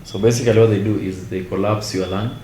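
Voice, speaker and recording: A man's voice: on the low side, fairly even intonation, quick pace, mellow. Kenyan male, casual storyteller switching between Swahili and English, echoey room, faint noise.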